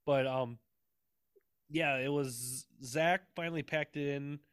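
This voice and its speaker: A man's voice: medium pitch, slow pace, a bit bright, smooth, no room sound, clean studio sound. A man in casual chat, telling rambling stories with frequent laughs and swearing. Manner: rambling, laughing storyteller who swears freely.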